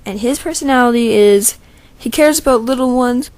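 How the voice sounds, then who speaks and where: A woman's voice: fairly high pitch, normal speed, a little mellow. A woman giving a casual, rambling casting call for voice tryouts, full of fillers. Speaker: show creator holding voice auditions.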